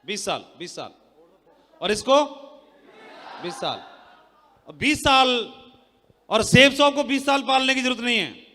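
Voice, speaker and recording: A man giving a motivational sales talk on a handheld mic to a live audience, loud and teasing, quizzing the crowd. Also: very high-pitched, measured pace, pauses often, big-room sound. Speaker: seminar speaker. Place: large hall with an audience.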